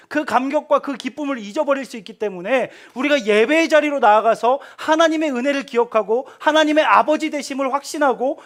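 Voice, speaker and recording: A male pastor giving a sermon to a youth congregation, telling stories in an animated way and often dropping to a hushed, tender voice. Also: very high voice. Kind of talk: sermon to teenagers.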